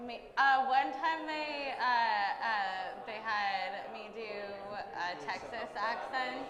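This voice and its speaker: A woman hosting a live comedy show, chatting in a halting, rambling way full of fillers. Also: a little high. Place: bar lounge with live audience. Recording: echoey room, loud crowd.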